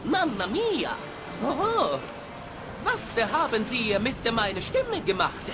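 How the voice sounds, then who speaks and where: A woman's voice: fairly high pitch, huge pitch swings, slow, noisy background, full character voice. A woman voicing a flustered young boy in a video game with an exaggerated, theatrical mock-Italian accent. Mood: flustered, pleading. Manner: exaggerated jolly-Italian-chef style exclamations and broken grammar.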